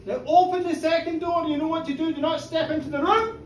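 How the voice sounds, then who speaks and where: A man voicing a stern, commanding fairy king in a live folk tale, giving slow, measured orders, recorded from a distance in an echoey pub room. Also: extremely high pitch, fairly even intonation, a little hiss or hum, voice pushed up. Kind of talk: live storytelling.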